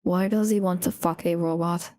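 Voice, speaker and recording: A woman streamer reacting casually to a video, incredulous and teasing with deadpan jokes. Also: fairly low pitch, normal speed, dry recording, clean studio sound.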